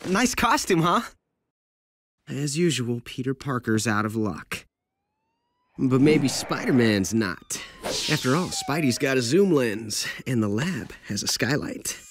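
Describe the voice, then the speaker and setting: A wisecracking teen superhero. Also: male voice, medium pitch, big pitch swings, a little hiss or hum. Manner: quick joking banter, sarcastic quips. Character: wisecracking teenage male superhero. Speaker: voice actor.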